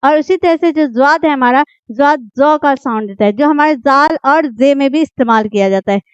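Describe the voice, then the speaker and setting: A high-voiced woman teaches an Urdu script lesson, patiently repeating herself and checking in with her students. The recording is dry and a little dull, with a lo-fi sound. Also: moderate pace, no room sound.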